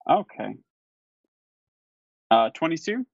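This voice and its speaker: A man's voice: a little high, big pitch swings, takes it slowly, creaky, no echo. A man playing a tabletop game, hesitant, with many fillers as he describes his moves. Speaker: player. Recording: dull lo-fi recording.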